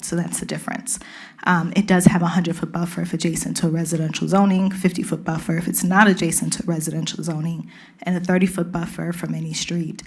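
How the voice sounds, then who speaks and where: Low-voiced Caribbean woman briefing council. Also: level tone, quick pace, slightly rough. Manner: methodical, walks through points one by one. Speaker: city staff presenter to council. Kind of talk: formal policy briefing. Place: city council chamber.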